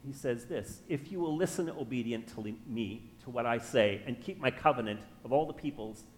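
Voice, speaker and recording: Guy preaching in church, chatty storytelling sermon, mid pitch, bit of hum in the background. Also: fairly quick. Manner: animated storytelling with hypothetical dialogue. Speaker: pastor.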